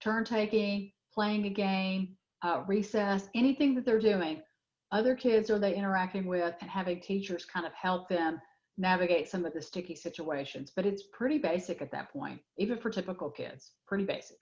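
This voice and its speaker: A middle-aged woman with a medium-pitched, slightly mellow voice presents a workshop at normal speed. She answers audience questions with frank, direct advice and plenty of fillers, and the web audio sounds dull and lo-fi.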